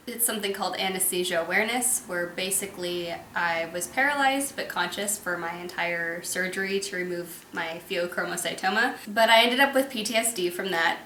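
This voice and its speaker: Bright-voiced woman telling a story. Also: mid-range voice, echoey room, a little hiss or hum. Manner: frank, laughs often. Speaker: vlogger. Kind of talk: casual storytelling chat.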